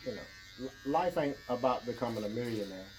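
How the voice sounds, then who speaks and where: An American man in a casual barbershop debate, halting and repeating his words as he tries to get his point in. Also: medium pitch, expressive, darkish tone, slight background noise, poor audio.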